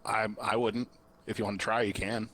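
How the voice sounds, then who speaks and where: A man's voice: fairly low pitch, little pitch movement, fairly quick, fairly bright tone. A man playing a tabletop game, talking casually and chattily with the group. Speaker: player.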